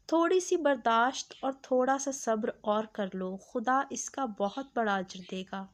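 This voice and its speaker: A woman voicing an older retired army officer who gently counsels his daughter. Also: fairly high pitch, close to an everyday voice. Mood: persuading. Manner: calm fatherly persuasion.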